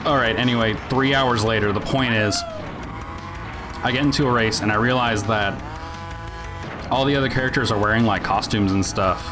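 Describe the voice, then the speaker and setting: A man's voice: medium pitch, normal speed, pauses often. A man giving a casual, sweary gaming rant in a rambling, sardonic, grumpy-old-man grumble. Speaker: video game reviewer. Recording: music behind the voice. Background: music.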